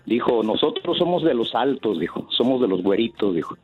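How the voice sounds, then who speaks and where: A man calling in to a radio show, talking haltingly with many restarts. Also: medium pitch, big pitch swings. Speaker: caller. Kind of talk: casual phone-in chat. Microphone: phone. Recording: tinny dry phone line.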